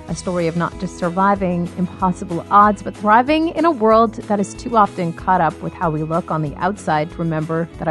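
A woman hosting a faith radio show, reading a polished scripted introduction. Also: fairly low pitch. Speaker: radio host.

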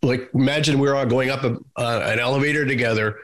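A man's voice: medium pitch, steady tone, fast talker, a bit bright. A man hosting a podcast, asking long, loose questions that restart and wander before landing. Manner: rambling, self-interrupting questions. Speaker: podcast host. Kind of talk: casual interview questions.

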